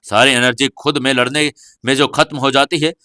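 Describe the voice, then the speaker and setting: A man voicing a soft-spoken, shy young wife who answers quietly and hesitantly. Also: mid-range voice, little pitch movement, normal speed, no echo, clean studio sound, close to an everyday voice. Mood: hurt.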